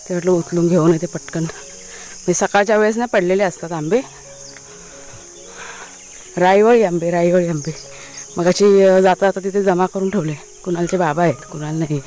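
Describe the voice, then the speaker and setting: A woman's voice: lowish voice, steady tone, moderate pace, dark tone, slight background noise. A woman host with a Konkan Marathi accent, chatting casually in a village vlog, talking to her pets and her viewers outdoors.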